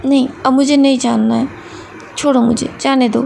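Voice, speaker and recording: A woman doing a teasing young college guy, sulky one moment and pleading the next. The voice sits high with a gravelly edge and a dark, mellow tone. It is read for a fan storybook. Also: fairly even intonation, normal speed, a little hiss or hum. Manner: pleading, then sulky and coaxing.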